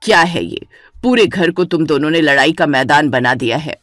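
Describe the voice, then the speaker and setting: A woman's voice: sits low, animated, normal speed, fairly bright tone, dry recording, studio quality, soft background music, pitched below the performer's own voice. Woman doing a stern scolding mother-in-law. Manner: scolding and authoritative. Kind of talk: dramatized storybook narration.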